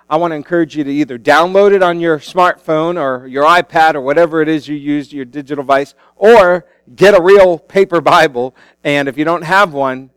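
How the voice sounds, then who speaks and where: A man's voice: a little high, clean tone, no echo. A male pastor preaching a sermon into a pulpit microphone in a church, in a casual, conversational way with many fillers and restarts. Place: church sanctuary.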